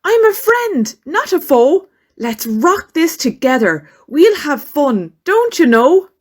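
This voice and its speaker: A woman voicing a tiny, meek but eager male mouse in a children's story, with a small squeaky voice and a polite, earnest manner. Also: big pitch swings, takes it slowly, heavily acted. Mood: friendly, reassuring. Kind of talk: children's storybook character reading.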